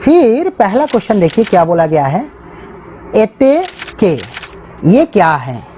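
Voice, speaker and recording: A woman's voice: medium pitch, big pitch swings, normal speed, dark tone, a little hiss or hum. A woman teacher explaining a textbook lesson, reading each phrase aloud and then translating it word by word.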